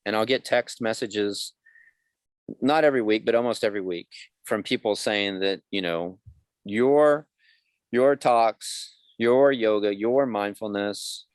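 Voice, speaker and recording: Low-voiced man telling his story candidly. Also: moderate pace, dry recording. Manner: candid storytelling, acts out quoted dialogue. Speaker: guest. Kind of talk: conversational podcast interview.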